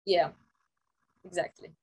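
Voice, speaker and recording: A woman in her thirties, an interview guest, recounting her past in a casual, halting way with many restarts, speaking over a video call from a room at home. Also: darkish tone, rough recording. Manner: halting, with frequent restarts and "um" fillers. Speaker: interview guest, former Scientology staff member. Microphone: video call, laptop camera mic.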